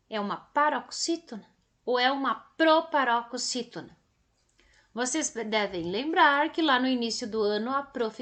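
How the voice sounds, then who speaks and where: A woman primary school teacher with a Brazilian Portuguese accent, giving a recorded lesson to children in a slow, didactic way that stretches words out for emphasis. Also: a little high, fairly bright tone.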